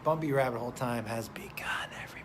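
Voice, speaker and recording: Racing along in a mid-range voice, the host of a live stream show talks loosely and profanely, rambling and calling out viewers' names. Noticeable background noise runs under his speech.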